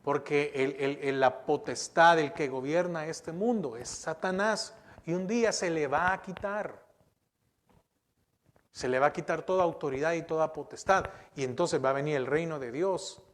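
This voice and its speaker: A man's voice: a little high, moderate pace. A middle-aged man preaching a sermon as pastor, speaking emphatically and asking the congregation questions. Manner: emphatic, repeats words and restarts.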